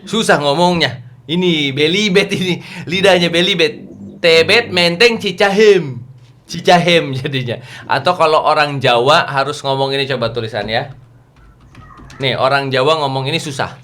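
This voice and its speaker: A man teaching a youth religious class over a video call, playful and animated, quizzing his listeners as he talks. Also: on the high side, moderate pace. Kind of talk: lively lecture to teens.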